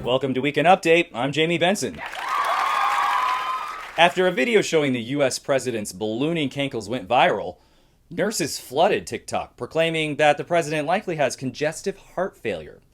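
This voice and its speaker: A man's voice: medium pitch, a little hiss or hum. A man performing a campy comedy monologue as a sketch show host, sassy and playful. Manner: campy, sassy, quick shifts between characters.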